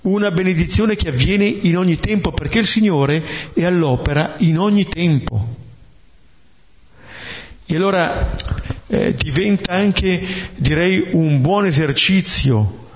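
A man preaching a slow, reflective homily on scripture, often checking in with his listeners with a questioning "eh?". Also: high-pitched. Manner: slow, reflective, with rhetorical "eh?" tags. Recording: dull lo-fi recording.

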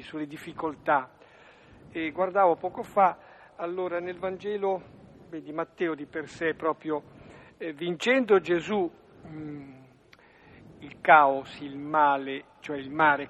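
A man sharing a personal reflection on a bible passage, pausing often with hesitant fillers. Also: a little high, a bit bright, slight background noise. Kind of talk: spoken reflection on scripture.

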